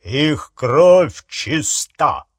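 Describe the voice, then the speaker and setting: Commanding, booming male official, husky edge; male reader voices him. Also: unhurried, dry recording, studio quality. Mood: contemptuous. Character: young man disguised as a big imposing official, commanding.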